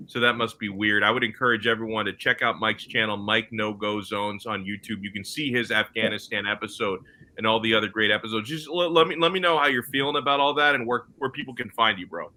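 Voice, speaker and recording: Bright-voiced laid-back male host. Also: fairly low pitch, fast talker. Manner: friendly, laid-back, slangy. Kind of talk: casual podcast chat.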